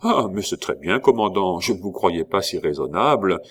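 A man voicing a curious, gossipy gentleman. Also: low voice, expressive, normal speed. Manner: inquisitive and teasing.

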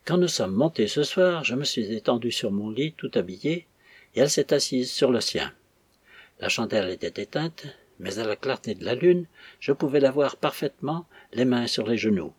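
A man reading the lines of a secretive, wistful young woman in an audiobook, with a husky voice. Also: mid-range voice, dry recording.

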